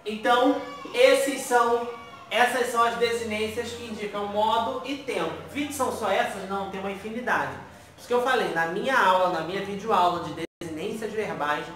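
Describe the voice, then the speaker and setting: A man's voice: high-pitched, moderate pace, fairly bright tone. A man teaching a grammar lesson, asking the class questions and answering them himself, with frequent check-ins. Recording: echoey room from far off, faint noise.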